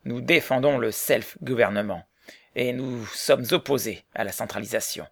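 An earnest middle-aged mill owner argues his case in a measured, serious way, as a man reads him aloud. The voice is heavily gravelly with a rough, creaky edge. It plays out like an audiobook scene. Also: medium pitch, fairly bright tone, no echo, studio quality.

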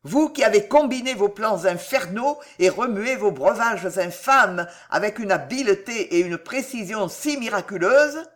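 A man voicing a stern magistrate confronting his wife, calm and cutting in a storybook reading. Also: high-pitched, heavily acted. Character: cold stern magistrate husband.

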